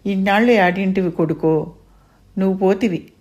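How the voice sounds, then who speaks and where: A woman's voice: medium pitch, moderate pace, darkish tone, voice pushed up, lightly acted. A woman voicing a grieving elderly village mother, speaking with a Rayalaseema accent in pleading, sobbing dialect speech. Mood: weeping. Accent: Rayalaseema Telugu. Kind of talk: dramatized story reading.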